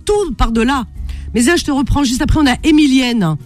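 Radio host, female, chatty and quick to jump in, faint music under her voice. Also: high-pitched. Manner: chatty, warm toward callers, interjecting often. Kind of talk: late-night phone-in talk show.

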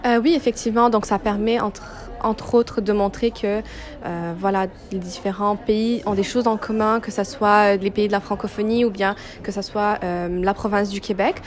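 In an interview, this young Québécoise speaking for a youth organization explains her answers in a middling female pitch. Her intonation stays fairly even, and her pace is moderate.

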